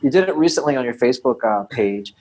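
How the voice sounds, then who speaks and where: A man with a middle-pitched voice hosting a podcast. He keeps things relaxed and chummy and calls his guest "brother". His questions come out loose and unhurried. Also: breathy edge. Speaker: podcast host. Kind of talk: casual podcast interview.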